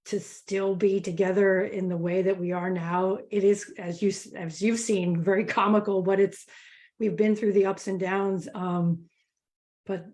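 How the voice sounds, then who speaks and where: A woman from New Jersey speaking at a middle pitch as a guest in a coaching interview. She sounds friendly and reflective, laughing easily as she talks. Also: a little mellow. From United States, New Jersey. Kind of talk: casual interview chat.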